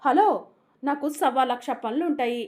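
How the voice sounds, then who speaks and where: A cocky young man with a sarcastic edge, read out by a woman. The voice stays high. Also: moderate pace, a little mellow, natural voice.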